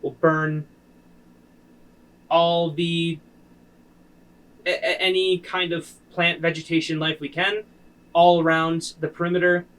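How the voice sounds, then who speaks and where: A man voicing an earnest, soldierly middle-aged village leader who speaks softly and haltingly. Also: on the high side, level tone, clean tone, low-quality recording.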